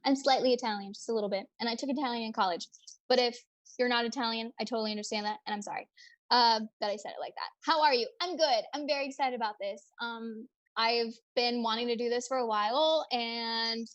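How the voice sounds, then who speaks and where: A young woman hosting a casual livestream, chatting brightly and reading out viewer comments and questions. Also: on the high side, brisk, muffled recording. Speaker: livestream host.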